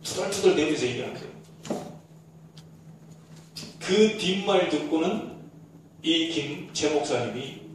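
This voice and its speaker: Male pastor, high voice, animated sermon storyteller, miked from afar in a boomy church. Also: slow pace, pauses often, a little hiss or hum. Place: church sanctuary. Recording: echoey church hall, distant mic.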